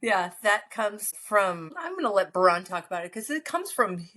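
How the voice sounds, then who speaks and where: A woman, a company co-founder, explaining haltingly as an interview guest, with many fillers and restarts. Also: medium pitch, big pitch swings, sharp tone. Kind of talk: casual interview talk.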